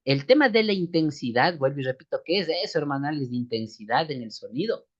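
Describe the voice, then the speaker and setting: A man's voice: a little high, lively intonation, brisk. A man with a slight cold teaching a church music lesson, explaining step by step and calling his listeners sisters and brothers. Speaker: seminary teacher. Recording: dull lo-fi recording.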